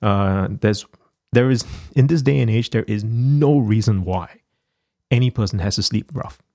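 Low gravelly Singapore-born man. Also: normal speed, darkish tone, no room sound, studio quality. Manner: rambling, many restarts and fillers. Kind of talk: casual chat.

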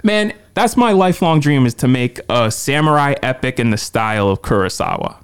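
Clear-voiced man in animated film chat. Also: medium pitch, fairly quick. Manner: animated, slangy, profane. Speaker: podcast co-host.

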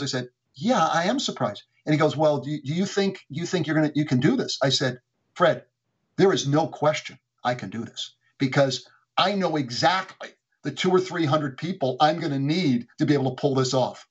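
A male guest telling stories about his career, animated and quick, often restarting his sentences. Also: a little high, breathy edge, muffled recording. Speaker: guest, former executive. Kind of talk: anecdotal storytelling.

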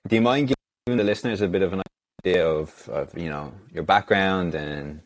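A man's voice: low-pitched, brisk, no room sound, low-quality recording. A man hosting a podcast, chatting politely and informally with a guest. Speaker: podcast host. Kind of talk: casual chat interview.

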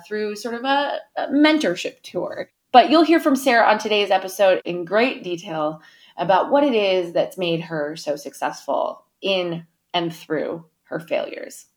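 A woman hosts a podcast from her town, opening with an upbeat, chatty introduction before interviewing a guest. Her mid-range voice is animated, moves at normal speed, and carries many small fillers.

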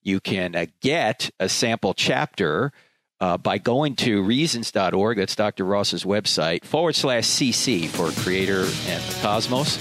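A man's voice: lowish voice, expressive, a little slow, a bit bright, soft background music. A man hosting a radio interview show in a conversational way, asking questions and wrapping up segments.

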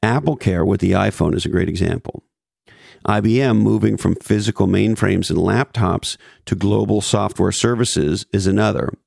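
Gravelly low-voiced man with wry asides. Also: darkish tone, no echo, studio quality. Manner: wry asides, emphatic repetition. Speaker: business podcast host. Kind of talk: scripted business commentary.

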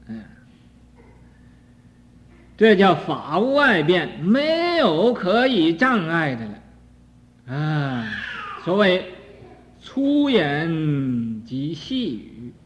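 Older man giving a slow, lively Buddhist lecture. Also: a little high. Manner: slow, drawn-out delivery with frequent "ah" fillers, swinging between soft and loud. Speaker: Buddhist teacher. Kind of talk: dharma lecture on a sutra commentary. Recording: dull archival recording in a reverberant hall.

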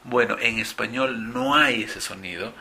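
A man teaching English pronunciation in Spanish, explaining slowly and repeating example words for listeners. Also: mid-range voice, sharp tone, husky. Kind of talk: pronunciation lesson.

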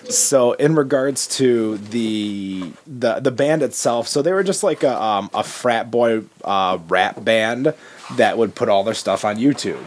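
A man chatting as a guest about brewing and podcasts, rambling with many pauses and fillers. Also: mid-range voice, a little hiss or hum. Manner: rambling, many ums and restarts. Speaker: homebrewer guest. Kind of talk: casual podcast chat.

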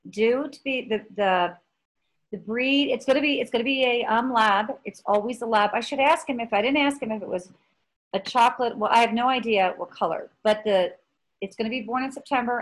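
Chatty rambling woman, fairly high voice. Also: rough recording. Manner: chatty, rambling storyteller with many restarts. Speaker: podcast co-host. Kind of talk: casual chat.

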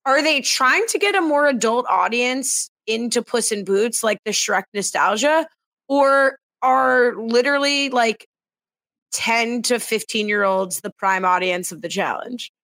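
A woman's voice: on the high side, animated, measured pace, a bit bright, dry recording. A woman co-hosting a casual podcast, chatty and teasing, often laughing. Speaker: podcast co-host.

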